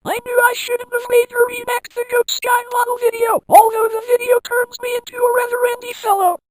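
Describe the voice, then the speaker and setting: A man voicing Donkey, an excitable, panicky and sly talking donkey, in a comic story reading. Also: very high voice, fairly quick, voice pushed up. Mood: panicked. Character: frantic, randy talking male donkey, squeaky and sly.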